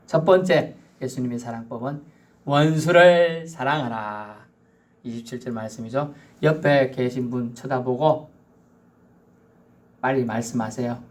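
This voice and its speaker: A male pastor with a Gyeongsang accent preaching a sermon in a church, joking with the congregation and acting out quoted voices. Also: mid-range voice. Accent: Gyeongsang Korean. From Gyeongsang region of Korea. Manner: animated, jokey preaching that acts out quoted voices. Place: church sanctuary.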